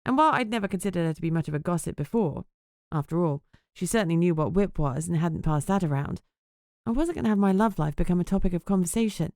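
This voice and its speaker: Wry, self-mocking vampire journalist, read by a woman in a low-pitched voice, first-person storybook narration, dry close sound. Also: expressive, fast, darkish tone, dry recording. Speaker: audiobook narrator.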